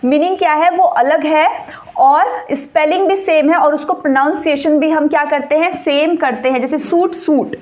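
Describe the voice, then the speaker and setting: Female exam-prep tutor, high voice, drills points by asking and answering her own questions. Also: normal speed, a little mellow. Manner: repeats key points as quiz questions to the viewer; mixes English terms into Hindi explanations. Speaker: teacher. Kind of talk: exam-prep grammar lesson.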